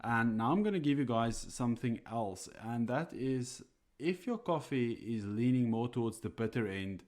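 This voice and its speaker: Co-hosting a podcast about coffee roasting, a native Afrikaans speaker keeps the talk casual and halting, full of fillers and little laughs. He sounds medium-pitched, expressive and darkish, speaking at a normal speed.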